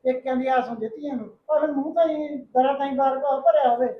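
A woman's voice: high-pitched, fairly even intonation, fast talker, roomy sound, dull audio, natural voice. A woman playing a defiant young village wife. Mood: resentful. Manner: defiant, answering back. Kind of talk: scripted village short film acting.

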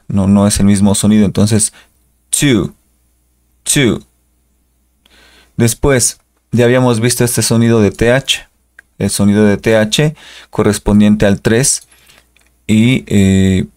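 A man's voice: on the low side, darkish tone. A Spanish-speaking man giving an English pronunciation lesson, patiently repeating each model word. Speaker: English teacher.

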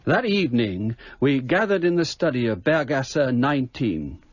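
An actor playing an earnest gentleman doctor, a husky-voiced companion and narrator in a radio drama. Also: mid-range voice, very animated, normal speed. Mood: reflective narration. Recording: muffled, dry radio broadcast.

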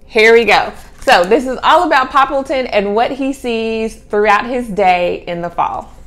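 Speaking at an unhurried pace in a fairly bright, somewhat high voice, this middle-aged homeschooling vlogger talks casually to camera about children's books. She draws out and repeats key words to stress them. The setting is a small room at home under a sloped ceiling, captured with a lapel mic.

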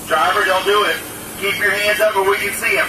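A police lieutenant, a man, negotiating with a suspect through a loudspeaker, repeating firm commands and calmly pleading. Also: high voice, brisk. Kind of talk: live police standoff negotiation. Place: outdoors at a roadside scene. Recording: distant loudspeaker voice over roadside noise.

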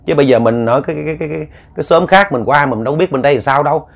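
A man's voice: on the high side, very fast, creaky. A man with a Southern Vietnamese accent narrating a ghost story in a folksy, rambling way, often repeating words as he goes.

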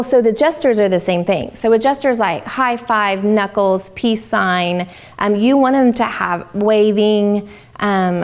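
Gravelly-voiced woman teaching a parenting workshop. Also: medium pitch, a little mellow. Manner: chatty, acts out parent and child lines. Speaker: child development specialist giving a parenting workshop. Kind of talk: informal workshop talk. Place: room with a live audience.

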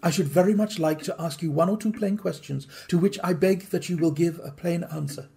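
A man's voice: on the high side, brisk, gravelly, warm tone, husky, pitched above the performer's own voice, exaggerated voice. A man voicing an anxious, earnest Victorian wife who pleads in a formal, intense way. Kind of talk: audiobook reading.

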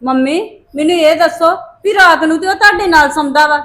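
A woman acts out a young wife in a homemade family drama, high-pitched and defensive. She pleads and argues back against blame. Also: fairly quick, a bit bright. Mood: indignant. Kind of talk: amateur family drama acting.

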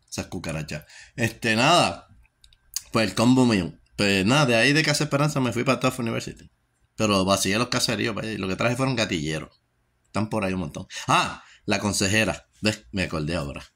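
A man's voice: on the low side, brisk, a bit bright. A Puerto Rican man giving a rambling, profane personal testimony, cursing freely and trailing off into mutters. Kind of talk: casual spoken testimony.

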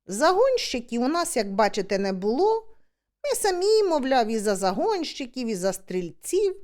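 Female audiobook reader, high and animated, expressive comic storytelling. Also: moderate pace. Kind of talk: humorous storytelling narration.

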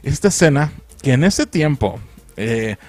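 A man's voice: mid-range voice, very animated, unhurried, darkish tone, no echo. A man with a Mexican accent giving a crude, mocking, slang-filled comedic film recap. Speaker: film critic.

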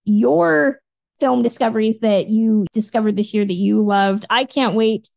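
A woman co-hosting a podcast, recommending things in a relaxed, upbeat chat. Her voice sits a little high, and she sounds friendly and keen. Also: measured pace, gravelly, no room sound. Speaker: podcast co-host. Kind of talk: casual chat.

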